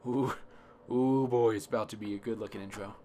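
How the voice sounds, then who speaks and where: A tired young man rambling casually on a solo podcast, thinking aloud in a self-deprecating way, with a slightly cracky voice and soft, imprecise R sounds. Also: fairly low pitch, steady tone, racing, a little hiss or hum. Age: young adult. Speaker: podcast host. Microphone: close podcast microphone.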